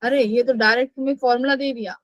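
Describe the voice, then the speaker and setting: A woman's voice: on the high side, fairly even intonation, fast talker, no room sound, rough recording. A woman teaching a live online physics class, asking questions and answering them herself, and scolding students who skip class.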